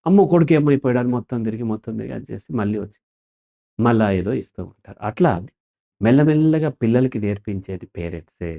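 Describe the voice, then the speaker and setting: Over phone-quality sound, a man with a somewhat low, creaky voice talks fast. He is the counselor guest in an interview, explanatory and animated, habitually asking questions and then answering them himself.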